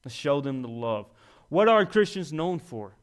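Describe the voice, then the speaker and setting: A young man delivers a sermon in a folksy, storytelling way. His voice sits a little high, and he acts out the voices of the people he talks about. He builds to loud, emphatic peaks. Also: sing-song, measured pace, clean tone. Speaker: preacher.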